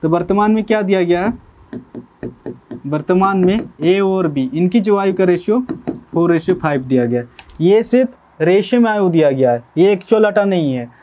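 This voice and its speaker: A man's voice: high voice, animated, moderate pace, warm tone. A young man teaching a maths lesson step by step, often checking in with "okay?". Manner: explanatory, repeats "theek hai" to check understanding. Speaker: math teacher.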